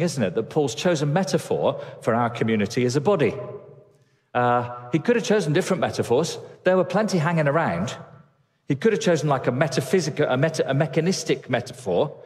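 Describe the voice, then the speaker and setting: A man's voice: medium pitch, lively intonation, fairly quick. An older man preaching an earnest sermon from a church stage, speaking into a headset mic. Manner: expansive gestures, earnest. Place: church stage with drum kit. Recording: reverberant church hall.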